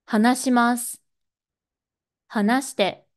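A woman teaching Japanese, reading out verb forms one by one in a slow, clearly enunciated practice drill. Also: fairly high pitch, steady tone. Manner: deliberate, carefully enunciated pronunciation.

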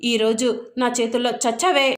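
A woman reading the lines of a young woman bent on revenge in her own high narrating voice, in an echoey room. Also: steady tone, normal speed, lightly acted. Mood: angry.

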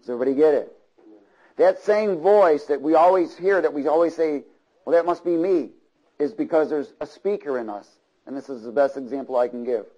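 On a muffled recording, a man with a darkish, somewhat high voice preaches a sermon before a church congregation. He falls into rhythmic repetition and frequently checks that the listeners agree, inviting them to respond.

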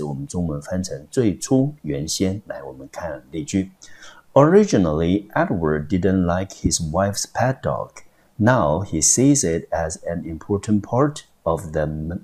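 A man's voice: low-pitched, a little mellow, breathy edge. A man teaching English vocabulary in Taiwanese Mandarin, explaining words step by step and spelling out their syllables. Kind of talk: vocabulary lesson.

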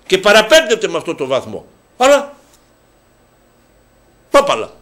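Sarcastic, animated man ranting. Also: high-pitched. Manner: indignant, sarcastic, swears, many restarts and fillers. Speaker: local TV sports show host. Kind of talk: heated football commentary monologue.

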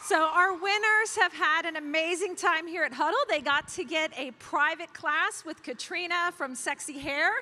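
A woman's voice: extremely high pitch, pushed and bright. A woman hosting an event and enthusiastically announcing award winners. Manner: upbeat, enthusiastic presenter. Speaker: event host.

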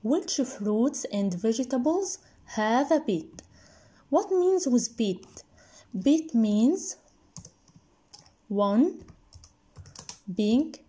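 Slow, patient woman teaching English. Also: on the high side, dark tone, breathy edge. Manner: patient, has pupils repeat after her. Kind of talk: slow, repetitive drilling for young pupils. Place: indoors at a laptop desk, voice-over on screen recording.

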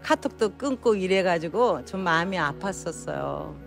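A woman in her sixties with a fairly low, gravelly voice and lively intonation speaks at a moderate pace, with faint music behind her. A church member and interview guest, she shares personal testimony casually in an indoor hotel lobby lounge, into a phone the interviewer holds near her mouth.

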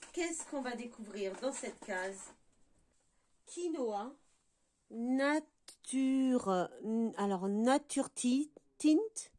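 A middle-aged woman from France hosts a casual unboxing vlog. Her voice sits a little high, and she talks at an unhurried pace. She keeps up a chatty, enthusiastic stream of exclamations. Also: darkish tone. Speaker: beauty vlogger.

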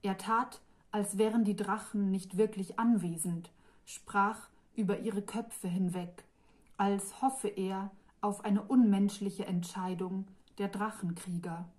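A woman reading her own fantasy novel aloud in a calm, measured way. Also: medium pitch. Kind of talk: audiobook narration.

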